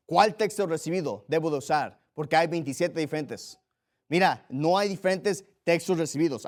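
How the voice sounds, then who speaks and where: A man from Mexico, a pastor, preaching a combative sermon in a forceful style, often restarting and repeating words as he drives home pointed questions. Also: on the high side.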